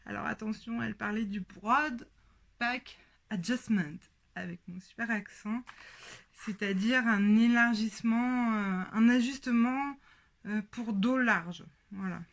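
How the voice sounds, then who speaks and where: Hesitant French woman, unhurried show-and-tell host, moves on and off mic. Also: a little high, gravelly. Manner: hesitant, many pauses and fillers. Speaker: sewing podcast host.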